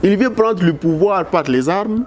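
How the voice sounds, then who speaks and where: A man's voice: high-pitched, animated, measured pace, a little hiss or hum. A man with a Congolese French accent, a political analyst answering interview questions with passion and many restarts. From Democratic Republic of the Congo. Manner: impassioned, repetitive restarts.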